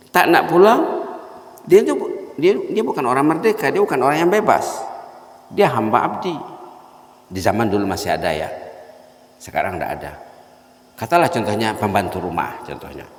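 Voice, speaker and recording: A man preaching a morning sermon with emphatic, repeated points that swing between loud and soft. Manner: emphatic, rising to loud repeated points then dropping low. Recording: echoey hall reverb.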